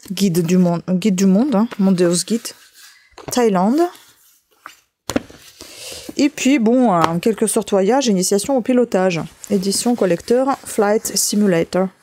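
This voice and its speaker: A woman's voice: mid-range voice, a little mellow, slight background noise. A woman chatting casually while sorting and cleaning old books, thinking aloud and tagging sentences with little asides. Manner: chatty, thinking aloud while handling items, frequent "hein". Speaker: vlogger sorting books from bulky-item collection. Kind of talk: casual running commentary.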